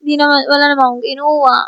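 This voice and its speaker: A woman's voice: sits high, pushed and bright, no room sound. A young woman chatting casually and teasingly to viewers while playing a game. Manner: chatty, teasing, talks to herself and viewers, laughs often. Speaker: gaming vlogger. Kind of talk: casual gameplay commentary. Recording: dull lo-fi sound.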